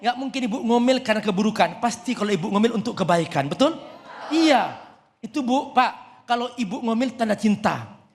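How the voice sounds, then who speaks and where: A man preaching to a studio audience, animated and joking with them, his voice jumping up high to stress a point. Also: a little fast, slight background noise. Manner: animated, jokes with the audience, swoops up high for emphasis. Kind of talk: humorous sermon to a studio audience. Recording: reverberant studio hall.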